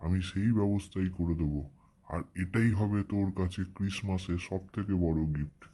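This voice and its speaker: A man acts out a benevolent Santa from a cartoon tale. His voice is deep and low. He speaks in a fatherly, reassuring way, as if soothing an unhappy child. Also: fairly even intonation, moderate pace. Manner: gentle, reassuring. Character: kindly, fatherly male Santa Claus comforting a child. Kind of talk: cartoon story dialogue.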